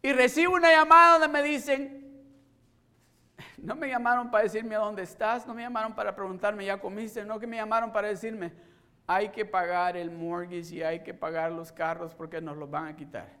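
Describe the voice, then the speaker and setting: A middle-aged male preacher telling a personal testimony in a sermon, moving from soft storytelling to shouted exhortation and mixing Spanish with English. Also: sits high, steady tone, moderate pace, clear, resonant tone. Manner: switches between Spanish and English.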